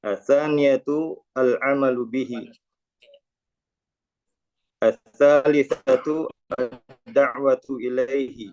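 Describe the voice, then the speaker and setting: A man, a religious teacher, slowly reciting classical Arabic phrases in an online lesson while his voice breaks up and drops out over a weak connection. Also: medium pitch, steady tone, a little mellow, dry recording. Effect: voice breaking up and dropping out over a weak online connection. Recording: dull choppy internet call audio.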